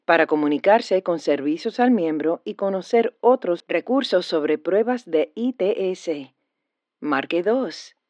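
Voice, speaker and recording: Woman doing a health info phone recording, calm even read, kinda slow, dry sound. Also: on the low side, no echo. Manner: measured, even informational delivery. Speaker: automated phone message voice. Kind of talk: scripted health information phone message.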